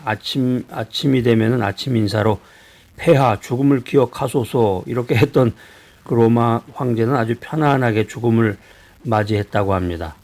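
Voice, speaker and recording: A man from Seoul, a pastor giving a conversational sermon, asking his listeners questions and pausing on hesitations. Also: medium pitch, darkish tone. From Seoul, South Korea. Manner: conversational preaching with rhetorical questions and frequent hesitations.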